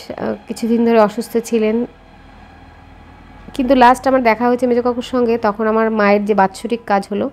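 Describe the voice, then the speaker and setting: A woman's voice: medium pitch, a little mellow. A woman, chatting directly to viewers in a casual daily vlog. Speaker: vlogger.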